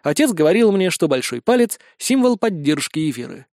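Guy narrating an audiobook, naive earnest tone, kinda high voice, no room echo. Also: very animated, fairly quick, darkish tone. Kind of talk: first-person audiobook narration. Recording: dry close studio voice.

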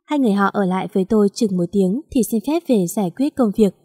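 A woman reading a story aloud in a steady, even narration. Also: medium pitch, quick pace, breathy edge, no echo, clean studio sound.

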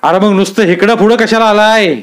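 A male storyteller voicing a gruff, abusive middle-aged police inspector who barks and curses at his men. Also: high-pitched, fairly even intonation, moderate pace, pitched above the performer's own voice, close to an everyday voice. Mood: angry barking. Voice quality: barking, cursing.

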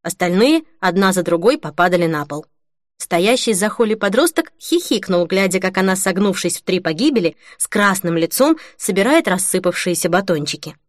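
A woman reading a novel aloud as an audiobook narrator, in an even, measured way. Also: mid-range voice, dry recording, clean studio sound. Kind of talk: scripted narration.

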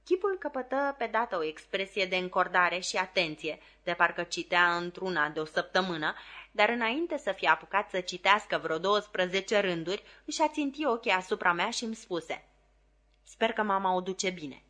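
Bright-voiced woman reading a novel. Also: mid-range voice. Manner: clear, expressive storytelling. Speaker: audiobook reader.

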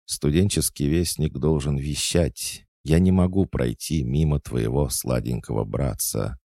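A man voicing a pushy, teasing tiny young female student journalist in an audiobook, pitching well above his own voice. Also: unhurried, vocal fry, dark tone, dry recording, studio quality, heavily acted. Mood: purring mock-hurt. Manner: mocking, teasing.

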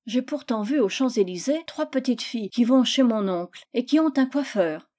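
A woman's voice: a little high, animated, moderate pace, darkish tone, pitched above the performer's own voice. A woman voicing a spoiled, demanding little girl who whines and insists in a storybook reading. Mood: petulant. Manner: whiny, insistent.

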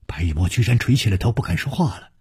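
A man narrating a martial-arts tale in a traditional oral storytelling style, dramatic and unhurried. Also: lively intonation, a little mellow, husky, dry recording, studio quality. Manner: dramatic, unhurried, wide pitch swings.

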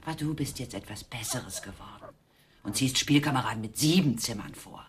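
A woman's voice: medium pitch, sing-song, normal speed, a little hiss or hum, lightly acted. An actress playing an eccentric, domineering mother in a radio play, demanding and theatrical. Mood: jealous. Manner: dramatic, demanding.

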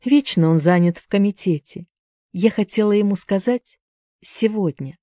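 A guilt-ridden young wife in an audiobook speaks in halting, faltering phrases, as a woman narrator voices her. Her voice is dark and mellow, recorded dry and close. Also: mid-range voice, no room sound, close to an everyday voice. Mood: distraught.

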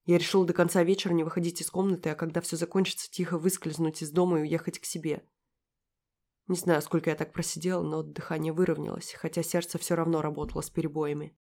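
Woman reading a romance audiobook, lowish voice, soft and close. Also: little pitch movement, fast talker. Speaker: audiobook narrator. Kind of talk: first-person audiobook narration.

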